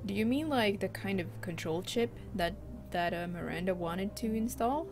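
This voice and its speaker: Streaming a game, a woman with a Finland-Swedish accent muses aloud about her choices in a chatty, unhurried manner. Her pitch is ordinary and middling, and game music can be heard clearly behind her.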